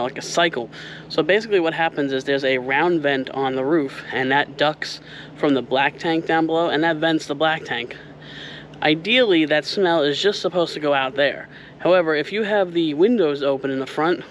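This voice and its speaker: A man hosting a casual, hands-on DIY vlog about RV life, talking to viewers outdoors with noise around him. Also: fairly high pitch. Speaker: RV vlog host. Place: outdoors at an RV, partly on its roof. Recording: noisy outdoor recording with hum and traffic.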